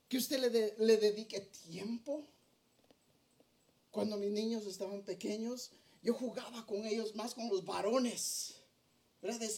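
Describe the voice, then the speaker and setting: A male pastor of middle age delivers a sermon to his congregation. He speaks in an unhurried, earnest way and tells stories along the way. His voice sits fairly high for a man. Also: a little mellow. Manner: earnest, storytelling, addresses congregation.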